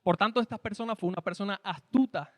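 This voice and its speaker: A man's voice: high voice, quick pace, fairly bright tone, dry recording, big-room sound. A man from Cuba with a Cuban Spanish accent, preaching a sermon in an explanatory, conversational way with rhetorical questions. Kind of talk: sermon teaching.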